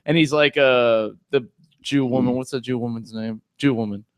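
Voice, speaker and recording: A man co-hosting a comedy podcast, crude and excitable in casual banter. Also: medium pitch, moderate pace, dry recording, studio quality. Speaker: podcast co-host.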